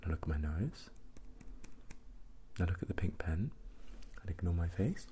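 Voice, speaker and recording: A man doing an ASMR role-play as an ASMR performer, repeating instructions and questions as he shifts between soft voice and soft low voice. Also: expressive, normal speed, a little hiss or hum. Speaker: ASMR performer giving mock eye tests.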